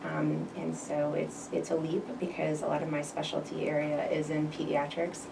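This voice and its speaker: A woman's voice: low-pitched, flat delivery, normal speed. A woman, a pharmacist guest, describing her career steadily in a podcast interview. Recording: distant mic with clear background noise.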